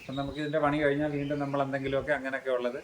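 A man interviewing a resident at a care home, gentle and reassuring, often repeating his words of comfort. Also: mid-range voice, flat delivery, racing. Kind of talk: consoling interview.

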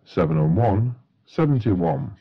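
A man calls bingo numbers in a formulaic, matter-of-fact way. His voice is husky and swings noticeably in pitch as he goes at a slow pace. The sound is a little dull and lo-fi. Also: sing-song. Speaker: bingo caller. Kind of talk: bingo calling, each number announced in a set phrase.

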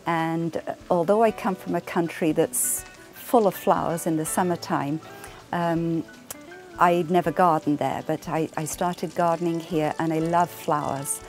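Soft-spoken English woman, low voice. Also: fairly even intonation, unhurried. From England. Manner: reflective, soft-spoken, many ums and uhs. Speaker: fibre artist. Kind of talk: documentary interview. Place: home craft room. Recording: soft music underneath.

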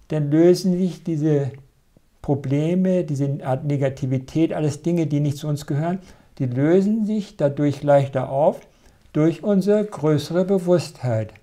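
Man, meditation teacher, slightly high voice, soft mellow tone, calm, reassuring, live spiritual talk. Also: a little slow. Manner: calm, gently reassuring, often adds a questioning "nicht?". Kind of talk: live spiritual talk, answering viewer questions.

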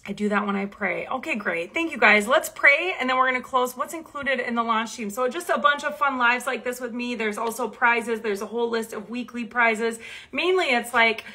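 Upbeat Minnesota woman, bright voice; live-stream chat and prayer, enthusiastic and warm-pitched high. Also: moderate pace. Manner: chatty and enthusiastic, reads viewer comments aloud. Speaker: Bible teacher and author hosting a live stream.

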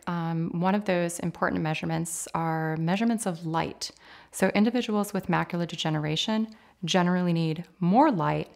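A woman in her forties, an occupational therapist, explaining things in a clear, measured, instructive way in a home kitchen. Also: fairly low pitch. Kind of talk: explanatory interview talk.

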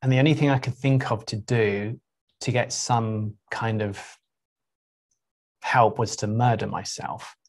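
A middle-aged man, a spiritual teacher, speaking to a group in an unhurried, reflective way with frequent pauses and 'um's. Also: fairly low pitch, fairly even intonation.

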